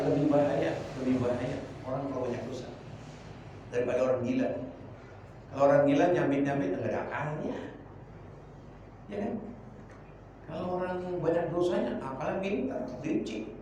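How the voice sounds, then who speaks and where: A man's voice: fairly high pitch, fairly quick, pauses often, dark tone, lo-fi sound, a little hiss or hum. A man preaching an informal sermon, mixing street slang with Arabic prayers. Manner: colloquial Jakarta slang mixed with Arabic prayers. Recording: echoey room, distant from mic.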